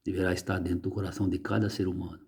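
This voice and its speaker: A man, reading and preaching on religious writing, emphatic and slowing on key words, soft and quiet when closing. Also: low-pitched, little pitch movement. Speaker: religious teacher.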